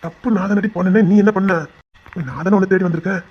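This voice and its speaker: A man's voice: high-pitched, steady tone, fast, breathy edge, lo-fi sound. A man acting a young male lover who begs and reassures. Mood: reassuring.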